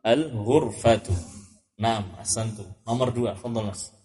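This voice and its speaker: A man's voice: lowish voice, a little slow, mellow. A man teaching an Arabic lesson, patiently repeating and correcting each student's answer. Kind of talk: classroom drill lesson.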